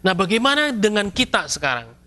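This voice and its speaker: A male pastor, preaching a sermon in a lively, storytelling way with casual slang. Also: high-pitched, fairly quick. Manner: lively storytelling, acts out scenes with shouts and mock voices; casual colloquial Jakarta-style slang mixed in.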